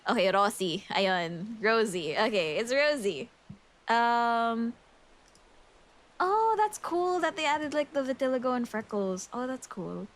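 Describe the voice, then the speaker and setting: Thinking out loud on her game stream, this young adult woman from the Philippines chats in a casual, giggly way with a Filipino English accent. Her voice is a little high and animated, and she talks a bit slowly.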